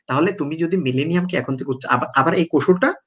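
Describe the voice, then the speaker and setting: Bangladeshi man teaching spelling, slightly high. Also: fairly bright tone, muffled recording. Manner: asks the class questions and answers them himself; spells words out slowly, syllable by syllable. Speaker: English teacher. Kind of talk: exam-prep lecture.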